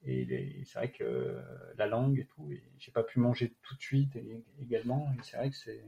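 A man with a dark, mellow voice and a French accent recounts his experience in a relaxed interview. He talks haltingly, full of fillers and restarts. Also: medium pitch, gravelly, highs cut off. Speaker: guest athlete. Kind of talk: casual interview storytelling.

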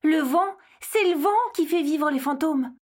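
A woman voicing a bold, brisk young girl who explains things matter-of-factly and teases her friends. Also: high-pitched, darkish tone. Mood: confident. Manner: brisk, matter-of-fact, teasing.

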